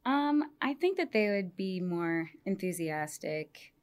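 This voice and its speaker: A young woman from Indianapolis talks as a podcast guest in a low voice. She sounds thoughtful and a bit hesitant, and she fills her pauses with ums and likes. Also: very animated. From Indianapolis, United States. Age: young adult. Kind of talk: casual interview conversation.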